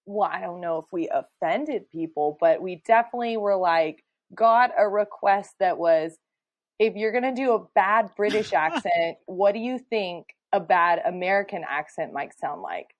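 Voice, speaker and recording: A woman's voice: medium pitch, animated, normal speed, no room sound, highs cut off. Teasing woman podcast co-host, drawl. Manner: playful, teasing. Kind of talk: casual chat.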